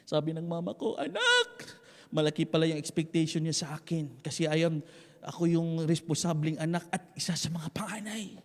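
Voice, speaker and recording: A man with a Filipino accent preaching a testimony sermon, dropping to a hush and then rising to a shout as he tells his story. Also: fairly high pitch, fairly even intonation, fairly quick. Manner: impassioned, swings between hushed and shouting, mixes English and Tagalog. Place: church sanctuary. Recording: long hall reverb.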